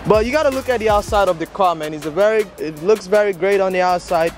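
Holding his camera at arm's length, a twenty-something guy walks through an outdoor car auction lot, talking fast in a high-pitched voice. His casual vlog is full of preachy hustle tips and constant "man" and "bro," with soft music underneath.

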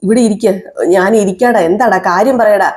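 Brief: woman as fatherly middle-aged dad, mellow, coaxing. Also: medium pitch, normal speed, natural voice.

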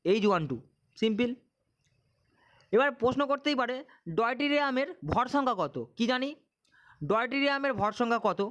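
High-voiced man teaching a lesson. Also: moderate pace, pauses often, a bit bright. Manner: repetitive, drilling questions and answers. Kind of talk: exam-prep chemistry lesson.

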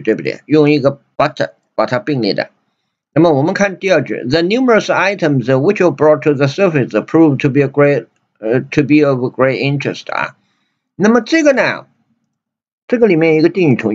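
A man with a Chinese accent teaching an English grammar lesson, repeating himself and reading English lines slowly. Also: on the high side. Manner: repetitive, many fillers and restarts, reads English slowly. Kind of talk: grammar lesson explaining sentences. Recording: dull lo-fi recording.

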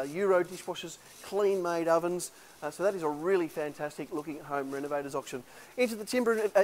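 A middle-aged man with a fairly high voice works as an auctioneer, strolling a big indoor warehouse and pitching each lot with filler-heavy, chatty sales talk. There's a slight background noise in the recording.

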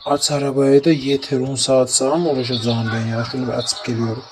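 A man's voice: medium pitch, flat delivery, fairly quick, noisy background. A man commentating his gameplay casually, grumbling and muttering to himself and his viewers. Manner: grumbling, talks to the game and viewers, mutters oaths. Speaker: gameplay streamer. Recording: game music playing behind.

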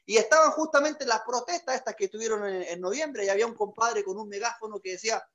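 A man's voice: sits high, fast talker, a bit bright, dull audio. A man with a Chilean Magallanes accent, a comedian telling a story in a chatty way with crude slang and boastful jokes. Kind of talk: stand-up comic storytelling.

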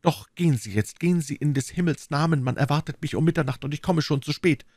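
A man's voice: a little mellow, dry recording, studio quality. Man putting on an anxious young woman. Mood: pleading. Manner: raised, light pitch, quick and urgent. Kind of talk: audiobook reading.

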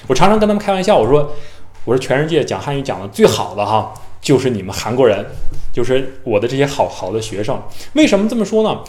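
A man who teaches Chinese, talking casually and mimicking how his students pronounce words. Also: mid-range voice. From mainland China. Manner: lively, imitates students' careful tones and slow syllables. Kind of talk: casual talk to camera. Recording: echoey room.

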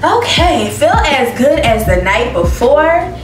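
Her voice is high and slow as this young beauty vlogger casually tries out perfumes on camera, reading each description aloud and laughing expressively at them. The setting is an indoor living room with plants. The mic sits well back, giving a roomy echo, with music underneath.

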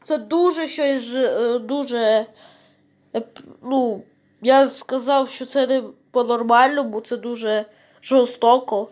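A woman with a high voice comments on a video for her viewers. She speaks hesitantly, pausing and filling gaps as she goes. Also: a little mellow. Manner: hesitant, many fillers, addresses viewers. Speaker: video reactor. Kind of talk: reaction commentary.

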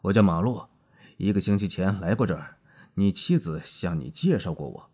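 A man's voice: deep voice, animated, normal speed, dark tone, husky. A man voicing a cold, contemptuous middle-aged doctor who speaks curtly and icily. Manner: curt, clipped and icy.

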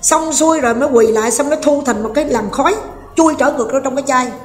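A middle-aged woman ranting in heated, blunt commentary, scolding her listener with rough familiar talk. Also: high voice, fast talker. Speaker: online commentator. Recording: echoey roomy recording with faint music.

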